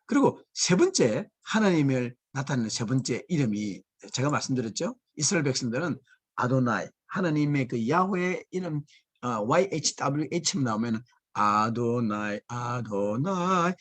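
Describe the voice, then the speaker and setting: A man teaching a Bible lecture, explaining slowly and repeating key words. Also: medium pitch, very animated, breathy edge. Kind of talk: lecture class.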